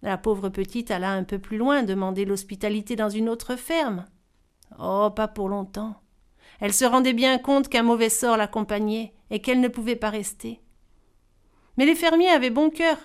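A woman reading a fairy tale aloud as storyteller, expressive and varied in delivery. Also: fairly high pitch, moderate pace, smooth.

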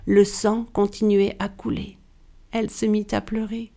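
A woman narrating a dark fairy tale in a measured, dramatic storytelling manner. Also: medium pitch, flat delivery, creaky.

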